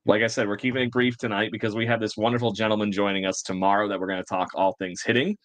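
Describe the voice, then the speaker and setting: A man's voice: lowish voice, level tone, fast, dry recording. A man hosting a casual podcast chat, chatty and laughing between remarks. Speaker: podcast host.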